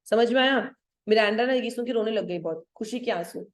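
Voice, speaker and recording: Her voice sits a little high as she, a Hindi-teacher woman who teaches English literature, explains a play line by line. Quoted verse gets a slow reading, and she keeps switching languages and asking "ठीक है?" to confirm understanding.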